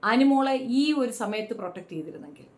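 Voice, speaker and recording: A woman's voice: medium pitch, expressive, quick pace, darkish tone. A woman giving a blunt, sarcastic commentary on a reality show, scolding the contestants in a talking-head vlog.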